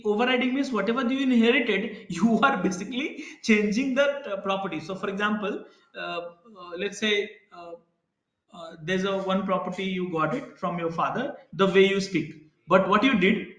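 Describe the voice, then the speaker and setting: Male instructor, slightly high voice, echoey room, explains with simple examples and quizzes students. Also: fairly bright tone. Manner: explains with everyday examples, asks students questions. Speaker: programming instructor. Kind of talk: live online class lecture.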